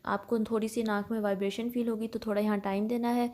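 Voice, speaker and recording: A woman teaching Quran recitation rules, explaining each sound patiently, switching between Urdu and English and reciting examples slowly. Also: a little high, level tone. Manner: slows and recites Arabic examples louder. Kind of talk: tajweed lesson mixing Urdu and English.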